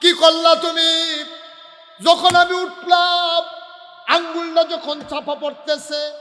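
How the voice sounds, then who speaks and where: A worried husband cries out in high, stretched phrases, as a male preacher acts him out. The voice is sharp and bright, well above his speaking pitch. It rings out in a large room with a long reverb. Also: monotone, heavily acted. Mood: anxious calling. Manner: raised, drawn-out calling. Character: gentle, concerned husband calling out. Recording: echoey hall, long reverb.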